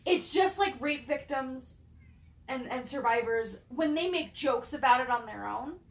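A woman's voice: sits high, animated, a little slow. A woman in casual chat who swears freely and often stammers and restarts her sentences. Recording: roomy echo.

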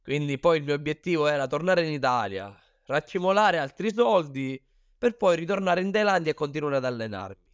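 A man with a Sicilian accent and a smooth, slightly high voice tells his own story as an interview guest. He talks in a casual, colloquial, self-deprecating way, recorded close and dry. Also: animated, fairly quick, dry recording. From Sicily, Italy. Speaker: interview guest, professional Muay Thai fighter.

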